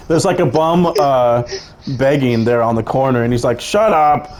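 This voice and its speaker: A young man casually pitching a film idea, rambling and profane, often laughing at his own story. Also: normal speed, a little mellow.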